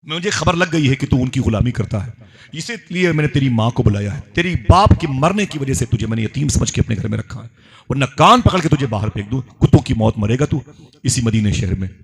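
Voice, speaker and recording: A man's voice: mid-range voice, lively intonation, brisk, pitched above the performer's own voice, natural voice. A male preacher voicing an angry, harsh-tongued middle-aged aunt who scolds and threatens her nephew. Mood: angry, scolding. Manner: threatening, bossy.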